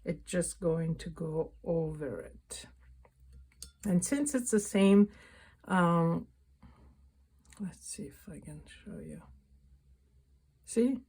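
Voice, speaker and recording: A woman giving a casual, unscripted painting tutorial, thinking aloud in a halting way and often rephrasing mid-sentence. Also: fairly low pitch, expressive, warm tone, husky. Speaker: painting instructor and vlogger.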